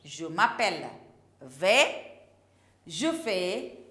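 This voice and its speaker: Lady teaching little kids, slow and repetitive, echoey room. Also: medium pitch, expressive, a bit bright. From Senegal. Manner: slow, drawn-out, repeating words for young pupils. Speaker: primary school teacher. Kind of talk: classroom teaching. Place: classroom. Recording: echoey classroom.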